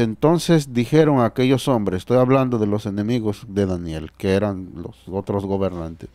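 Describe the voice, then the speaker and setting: A man's voice: fairly low pitch, mellow, no room sound. A man preaching a sermon and reading scripture aloud, earnest and repeating phrases for emphasis.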